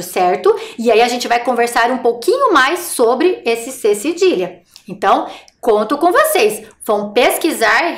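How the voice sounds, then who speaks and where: A woman teaching young children in a recorded remote class, encouraging and speaking slowly and clearly. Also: fairly high pitch, fairly bright tone, echoey room. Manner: encouraging, sing-song, slow and clear for children. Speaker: primary school teacher.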